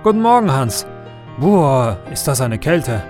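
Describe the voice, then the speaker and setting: A man voicing a friendly village postman in a children's story, speaking loud and hearty. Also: medium pitch, very animated, measured pace, music in the background.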